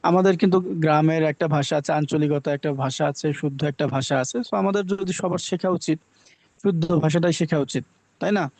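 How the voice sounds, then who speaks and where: A man's voice: fairly high pitch, normal speed, a little mellow, no room sound, poor audio. A young man from Bangladesh teaching English phonics to children, drilling letters and words with repeated questions.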